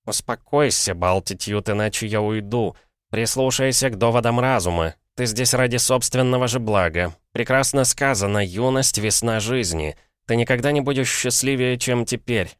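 A man's voice: medium pitch, moderate pace, clean tone, no echo, clean studio sound, voice pushed up, lightly acted. A man voicing an earnest, mild-mannered schoolmaster lecturing a pupil in an audiobook.

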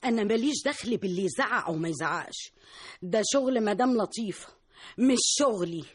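An actress playing a gossipy, resentful Egyptian salon worker in a radio drama, quick to exclaim. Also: female voice, medium pitch, lively intonation, breathy edge. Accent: Egyptian Arabic. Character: gossipy resentful woman coworker, easily alarmed.

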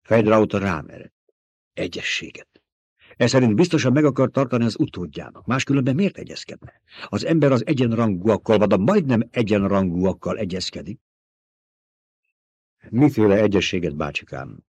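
A male narrator reads a novel aloud in scripted audiobook style. His voice sits low, yet his pitch moves with lively range, and the dialogue gets small shifts between characters. The recording is dry and close, with no room echo. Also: slightly rough.

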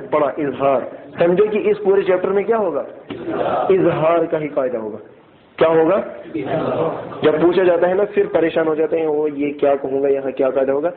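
A somewhat high-voiced man teaches a recitation class, quizzing his students and repeating each point. He drills syllables slowly, half-chanted. The sound is thin and phone-like, with a roomy echo. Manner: asks students questions and repeats key points. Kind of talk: classroom tajweed lesson.

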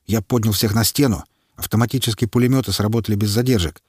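Man doing a weary young lieutenant reporting, husky voice, dry sound. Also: fairly low pitch, fairly even intonation, fast talker, a little mellow, no echo, lightly acted. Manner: dutiful, reporting. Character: tired wounded young male lieutenant.

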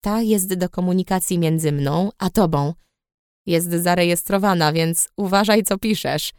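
Lady doing a soft-spoken sly young guy, lowish voice, dry close sound. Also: normal speed, smooth, no echo, close to an everyday voice. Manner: hushed, low-key. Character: young man, sly and charming. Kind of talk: audiobook character voice.

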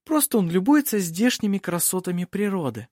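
A man's voice: high-pitched, expressive, fairly quick, darkish tone, no echo, clean studio sound, voice pushed up. A man voicing a commanding older noblewoman who speaks imperiously.

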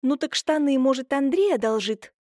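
A woman voicing a bustling, scheming middle-aged village woman who talks in quick, exclamatory bursts. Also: high voice, lively intonation, darkish tone, no echo, studio quality, pitched above the performer's own voice. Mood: fussy. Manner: fast, fussy, exclamatory.

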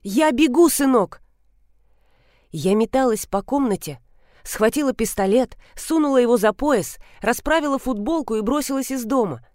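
A woman's voice: on the high side, moderate pace, darkish tone, no echo. Woman narrating an audiobook, dry sound.

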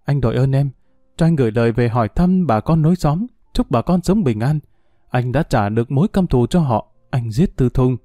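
A man playing a condemned husband who speaks calmly and with resignation. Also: mid-range voice, normal speed, no room sound, studio quality, faint music behind, lightly acted. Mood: tender. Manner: calm, resigned.

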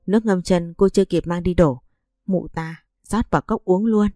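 A woman's voice: fairly low pitch, normal speed, warm tone, dry recording, studio quality, soft background music, close to an everyday voice. A woman voicing a doting, playful middle-aged aunt who talks in an affectionate, gossipy way.

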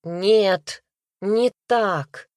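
A woman's voice: fairly low pitch, expressive, slow, a little mellow, no echo, studio quality. A woman reading an audiobook, voicing a frightened young man under suspicion who speaks in a broken, pleading way. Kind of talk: audiobook character voice.

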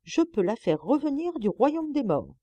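A woman voicing a calm, measured saintly old man on a journey. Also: sits high, husky, no echo, dull audio, voice pushed up, exaggerated voice.

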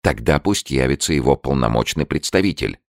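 A man's voice: a bass voice, expressive, fairly quick, dry recording, clean studio sound. A man reading an audiobook, voicing a woman who leads a delegation and insists and protests. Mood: insistent, aggrieved.

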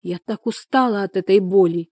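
A woman's voice: medium pitch, moderate pace, mellow, no echo, clean studio sound, lightly acted. A woman reading an audiobook, voicing a distraught, tearful pregnant young woman who pleads in broken repetitions. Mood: sobbing.

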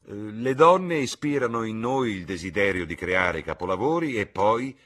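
A man voicing a witty, cynical aristocratic gentleman in an audiobook reading, with a husky voice and a drawling, ironic delivery. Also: fairly low pitch, expressive, normal speed, pitched above the performer's own voice. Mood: languid.

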